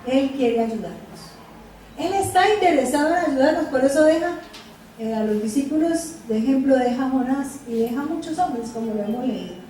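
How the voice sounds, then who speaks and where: A woman's voice: high voice, lively intonation, normal speed, dark tone. A woman teaching a Bible study as a sermon, asking the listeners questions and repeating the verses. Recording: echoey room from far off, faint noise.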